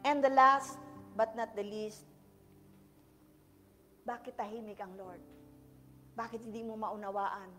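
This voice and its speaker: A woman preacher giving a lively sermon in church, mixing in English and asking the congregation for an amen. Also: on the high side, slow pace, long pauses, faint music behind. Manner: animated, switches between Tagalog and English, asks the congregation "Amen?".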